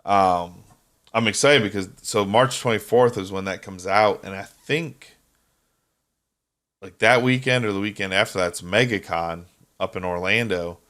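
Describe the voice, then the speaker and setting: A man's voice: fairly low pitch, a little slow, a bit bright. A man co-hosting a casual podcast, rambling and chatty, often tripping over names. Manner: rambling, stumbles over names, laughs easily. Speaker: podcast co-host. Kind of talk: casual chat.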